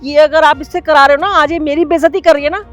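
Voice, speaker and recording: A woman's voice: high voice, normal speed, faint music behind, close to an everyday voice. A woman playing an earnest, indignant neighbor. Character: hurt, dignified neighbor woman, heavyset.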